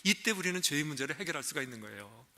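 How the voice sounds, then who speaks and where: A man's voice: a little high, animated, rapid-fire, bright, forceful tone. A male pastor preaching a sermon, earnest and full of rhetorical questions, weaving a story into his message. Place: church sanctuary.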